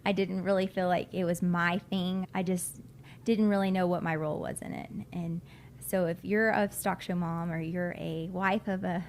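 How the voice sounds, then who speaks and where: A woman's voice: fairly low pitch, little pitch movement, normal speed. A woman with a West Texas twang chatting casually as a co-host on a talk show. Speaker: podcast co-host. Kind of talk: casual chat. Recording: clear background ambient noise.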